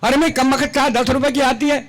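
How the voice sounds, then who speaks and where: Older male comic poet, very high voice, folksy stage storyteller. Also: flat delivery, fairly quick, a bit bright. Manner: folksy, punchline-driven, voices quoted characters.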